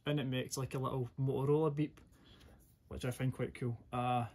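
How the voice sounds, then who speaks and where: A man's voice: medium pitch, level tone, moderate pace, darkish tone. A man giving a casual hands-on product review in an informal, rambling way, often correcting himself. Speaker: gear reviewer.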